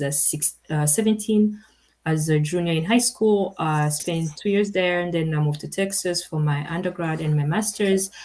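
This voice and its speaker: A woman's voice: low voice, a little mellow. A young woman from Rwanda giving a research presentation as a PhD candidate, hesitant with many fillers.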